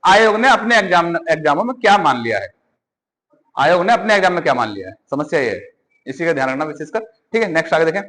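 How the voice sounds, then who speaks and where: A man's voice: on the high side, very animated, quick pace, a bit bright. A man teaching a class, quizzing students and repeating the answers. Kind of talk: classroom lecture. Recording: hall reverb.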